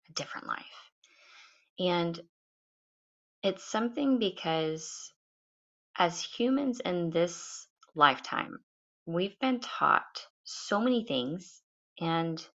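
A woman's voice: low-pitched, gravelly, fairly bright tone, muffled recording. A woman with a sleepy morning voice, musing unhurriedly in a solo podcast monologue recorded at home. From United States. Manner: musing, unhurried, loosely rambling. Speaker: podcast host. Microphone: home podcast setup.

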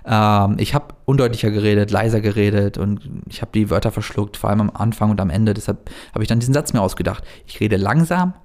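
A man with a slightly low voice rushes through a casual motivational monologue, speaking straight to the listener. He sounds earnest and encouraging and talks at a quick clip. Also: fairly even intonation, darkish tone. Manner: fast-talking, earnest, addresses the listener directly. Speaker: self-help coach.

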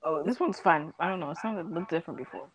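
A woman's voice: fairly low pitch, fast, slight background noise. A young woman in casual chat with a friend, teasing and blunt, laughing often.

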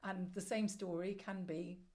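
Low-voiced middle-aged woman, reflective storyteller. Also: fairly even intonation, a little slow, mellow. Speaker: podcast guest, storyteller and former broadcast journalist. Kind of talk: conversational interview answers.

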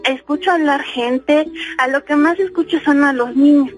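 Female caller, Mexican Spanish, high voice, rambling storyteller, radio line with soft music. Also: moderate pace. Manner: chatty, many fillers like "este" and "¿no?". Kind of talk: telling a personal story on the phone.

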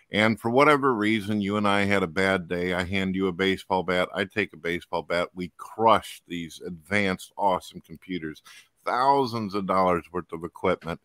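A male host in a casual call-in debate who puts blunt hypothetical challenges to a guest and calls his own voice monotone. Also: deep voice, dry recording, clean studio sound.

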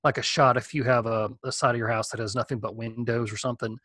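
A man's voice: mid-range voice, fairly even intonation, fast, pushed and bright, no echo. A man, a guest expert, giving practical home security advice in a casual interview. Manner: practical, explanatory, thinking aloud.

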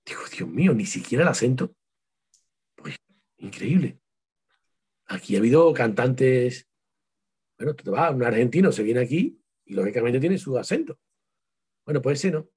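A man's voice: medium pitch, animated, moderate pace, long pauses, a little mellow, breathy edge. A man from Seville with an Andalusian accent, an author talking emphatically in an interview, full of rhetorical questions and repeated words. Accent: Andalusian Spanish. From Seville, Spain. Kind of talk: casual interview talk.

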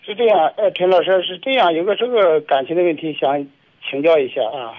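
A man's voice: on the high side, fairly quick. A middle-aged man calling in to a radio show, hesitant and full of fillers. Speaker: caller. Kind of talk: phoned-in radio chat. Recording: tinny phone line.

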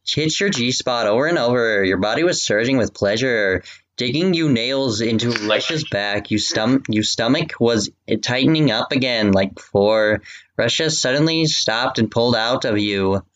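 A man's voice: medium pitch, expressive, normal speed, a bit bright, muffled recording. A man stumbling and giggling through a mock-dramatic read-aloud for his friends. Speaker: reader of fan fiction for friends. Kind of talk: mock-dramatic reading with laughter.

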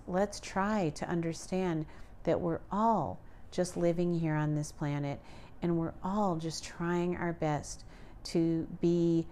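A podcast host speaks alone to her listeners, earnestly pleading with them to be kind to one another. Her voice is on the low side and dark in tone.

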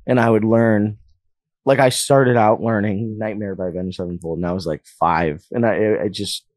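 A man's voice: lowish voice, steady tone, normal speed, darkish tone, no room sound. A young man from Las Vegas, telling stories as a guest musician in a casual interview, with a rambling, filler-heavy way of talking. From Las Vegas, USA. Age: young adult.

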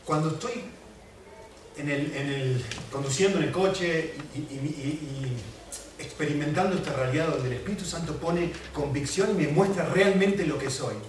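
A man with a Rioplatense Spanish accent preaching a sermon as pastor, swinging between loud emphasis and soft asides. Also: fairly high pitch, moderate pace. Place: church hall. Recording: echoey hall from far off, faint noise.

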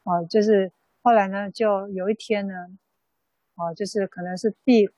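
A Buddhist nun giving a dharma talk in an unhurried storytelling way, full of soft fillers. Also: female voice, medium pitch, steady tone, dry recording, low-quality recording. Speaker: Buddhist nun teaching a sutra class.

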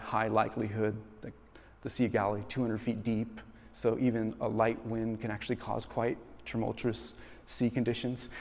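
A man preaching a sermon as pastor, telling a story with lively acted-out quotes and frequent repeated words. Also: mid-range voice. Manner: animated storytelling, acting out quoted voices. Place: large room in a school. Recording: long hall reverb.

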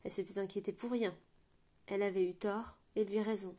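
A woman narrating a novel aloud with a steady, measured reading. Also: medium pitch. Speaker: audiobook narrator. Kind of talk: scripted storybook narration.

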